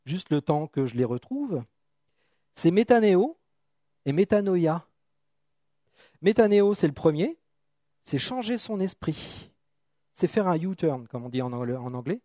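A man's voice: fairly high pitch, very animated, measured pace, long pauses, mellow, dry recording, studio quality. A middle-aged man from France preaching an informal, joking sermon, thinking aloud with many restarts and asides.

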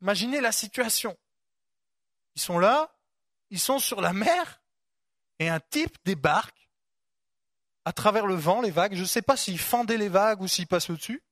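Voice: mid-range voice, normal speed, dry recording. Chatty preacher with a dry sound. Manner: lively, conversational, asks listeners to imagine, many asides. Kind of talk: sermon with Bible reading.

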